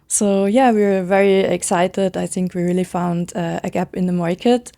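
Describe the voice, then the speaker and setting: A woman in her thirties from Switzerland, chatting in an interview as a founder, eager and quick with lots of casual fillers. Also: fairly low pitch, fairly even intonation, mellow. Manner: fast, enthusiastic, many "like" fillers. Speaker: guest, brand founder.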